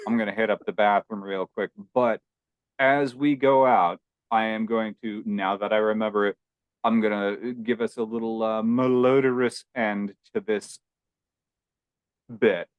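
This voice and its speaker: A man's voice: fairly low pitch, steady tone, measured pace, clean tone, no echo, highs cut off. A man co-hosting a podcast in casual, jokey chat. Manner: jokey, breaks into loud sung bits. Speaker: podcast co-host.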